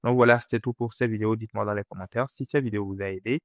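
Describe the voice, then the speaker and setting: A man narrating a software tutorial step by step, hesitant and repetitive in his delivery. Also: fairly low pitch, steady tone, rapid-fire, no echo, studio quality. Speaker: tutorial presenter.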